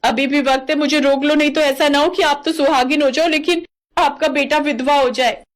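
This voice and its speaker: A woman's voice: sits high, steady tone, moderate pace, pitched above the performer's own voice, natural voice. A woman voicing a theatrical young daughter-in-law who pleads dramatically, in a cartoon. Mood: pleading. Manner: pleading, melodramatic. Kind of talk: cartoon voice acting.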